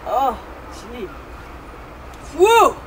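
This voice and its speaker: A woman's voice: high-pitched, big pitch swings, extremely slow, a little hiss or hum, poor audio. Chatty squeamish woman in a garden. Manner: chatty, squeamish and self-amused. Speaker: vlogger. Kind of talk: casual to-camera vlog. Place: back garden outdoors.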